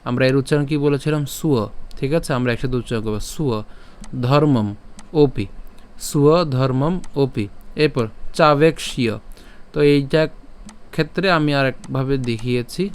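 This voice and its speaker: A man leads a patient pronunciation lesson in a smooth, resonant voice. He drills syllables slowly, says each word several times, then chants the full verse at an unhurried pace. His pitch sits at an ordinary middle level for a man. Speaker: scripture recitation teacher.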